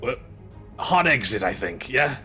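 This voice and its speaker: Slow, sing-song man player. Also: medium pitch, very animated, sharp tone, soft background music. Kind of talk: casual tabletop banter.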